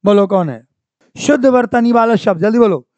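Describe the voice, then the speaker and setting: High-voiced man teaching spelling. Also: fairly quick, a little mellow, no room sound. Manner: repeats words, asks the class for answers. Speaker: Hindi grammar teacher. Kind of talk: exam-prep class. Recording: dry, dull lo-fi sound.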